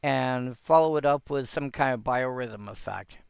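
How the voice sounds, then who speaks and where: A man's voice: mid-range voice, moderate pace, creaky, clear, resonant tone, no room sound, studio quality. A man hosting a casual solo commentary on old game cards, thinking aloud and rambling with frequent restarts.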